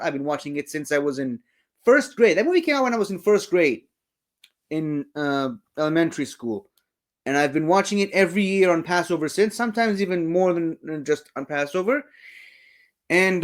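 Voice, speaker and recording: A young man giving casual, rambling, enthusiastic commentary while rewatching a movie, often correcting himself. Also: sits high.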